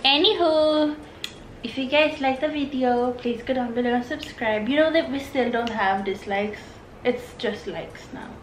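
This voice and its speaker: A woman's voice: high-pitched, unhurried. A young woman chatting casually while eating, full of fillers and restarts. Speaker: vlogger. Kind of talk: casual mukbang chat. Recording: echoey room with faint noise.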